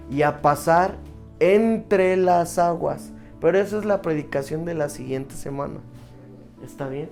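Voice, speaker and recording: A male preacher delivers a sermon at an unhurried pace. His voice is dark and mellow, and he keeps turning to his listeners with quick rhetorical questions. Soft music plays faintly underneath. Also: fairly high pitch.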